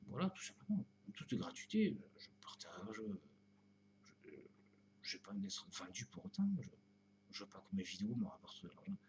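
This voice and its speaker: A man's voice: lowish voice, very animated, a little fast, long pauses, slight background noise. Rambling man who drifts into whispers. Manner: drifting, repeats "tu vois", often drops to a whisper. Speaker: video blogger. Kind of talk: rambling spiritual monologue.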